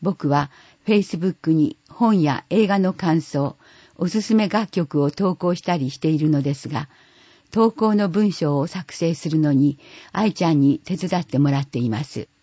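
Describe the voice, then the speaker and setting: A reader calmly working through an audio newsletter at a measured, even pace. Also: mid-range voice, slightly rough, no echo. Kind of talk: read-aloud audio newsletter. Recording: dull lo-fi recording, dry.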